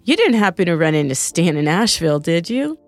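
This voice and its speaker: A woman reading Stevie, excitable and indignant. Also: mid-range voice, normal speed, soft background music, close to an everyday voice. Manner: stammering, rising indignation. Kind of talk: storybook character reading.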